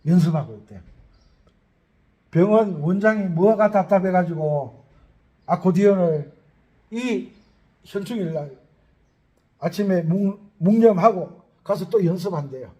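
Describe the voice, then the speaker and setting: Speaking warmly in a high-sitting voice, a man who teaches accordion rambles casually to viewers, listing places as he thinks aloud. His pace is measured, with frequent pauses.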